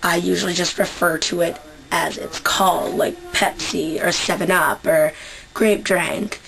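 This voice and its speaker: A woman's voice: lowish voice, fairly even intonation, unhurried, vocal fry, a bit bright, low-quality recording. A young woman from Central Canada with a Canadian accent, chatting casually in a vlog, hesitant with many fillers and restarts. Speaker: vlogger. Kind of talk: casual dialect-survey vlog.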